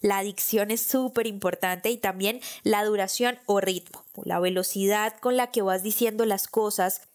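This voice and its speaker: A woman hosting a podcast, teaching public speaking in a clear, measured, explanatory way. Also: medium pitch. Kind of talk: scripted podcast lesson.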